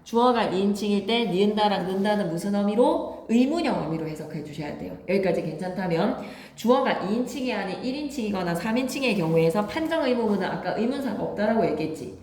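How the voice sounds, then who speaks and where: Woman teacher, mid pitch, emphatic lecturing style, quizzes the class, roomy classroom sound. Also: lively intonation, quick pace, few pauses, darkish tone. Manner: emphatic, quizzes students with questions.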